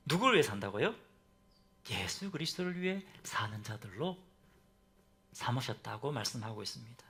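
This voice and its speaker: A man preaching a Sunday sermon as pastor. He asks the congregation questions and ends phrases softly for emphasis. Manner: drops to soft, low endings for emphasis.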